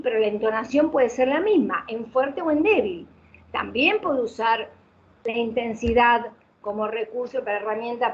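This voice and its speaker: A middle-aged woman with a Rioplatense Spanish accent giving an online lecture on public speaking, leaning on pitch changes for emphasis. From Argentina. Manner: didactic, varies pitch widely for emphasis. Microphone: video call. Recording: muffled video call audio.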